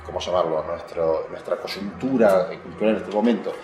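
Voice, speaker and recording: A man with a Uruguayan accent, speaking at normal speed in a low, darkish voice, is interviewed as a writer in a conversational literary discussion. He is reflective and digressive, often searching for the right word. The recording has a roomy echo and noticeable background noise.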